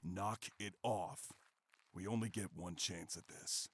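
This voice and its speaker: An actor playing a gruff male gang chief in a video game, terse and commanding. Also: slow pace, fairly bright tone, slight background noise. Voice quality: deep, gravelly, terse commanding delivery. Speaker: game character. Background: game music.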